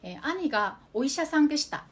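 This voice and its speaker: A woman teaching a language lesson, repeating example sentences slowly and carefully. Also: high-pitched, very animated. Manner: slow, careful repetition of example phrases.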